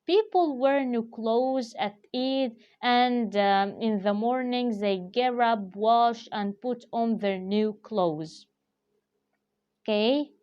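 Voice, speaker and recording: A woman teaching English vocabulary, explaining slowly and carefully with frequent fillers. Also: on the high side, clear, resonant tone. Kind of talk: vocabulary lesson. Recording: dull lo-fi recording.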